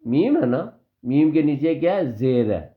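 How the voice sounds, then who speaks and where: Patient female recitation teacher, deep voice, heard over a tinny call line. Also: very animated. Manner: patient, drills words, models slow recitation. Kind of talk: online tajweed lesson.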